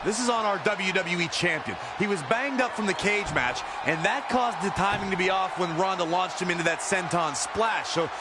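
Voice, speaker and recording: Snarky male color commentator, high-pitched, heard over heavy noise. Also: moderate pace, few pauses. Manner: snarky, mocking. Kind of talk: wrestling commentary.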